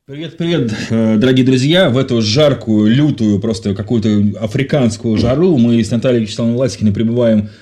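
A man's voice: mid-range voice, fairly quick, hardly any pauses, warm tone, faint music behind. A man hosting a live radio talk show from a studio, chatty and jokey, with frequent filler sounds.

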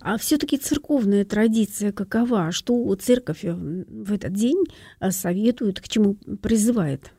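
A woman's voice: medium pitch, expressive, moderate pace, mellow, breathy edge, no echo, clean studio sound. A woman hosting an interview, putting questions conversationally and relaying messages from the audience. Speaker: interview host.

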